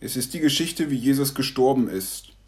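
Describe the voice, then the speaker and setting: A man voicing a gentle, thoughtful old grandfather who speaks calmly and reflectively. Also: medium pitch, moderate pace, pitched above the performer's own voice, close to an everyday voice. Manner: calm, reflective.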